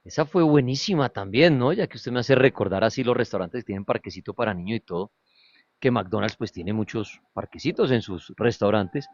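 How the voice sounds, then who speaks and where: A man's voice: fairly low pitch, expressive, fairly quick, no echo. Host guy joking around, chatty, muffled dry mic sound. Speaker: show host. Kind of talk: casual chat.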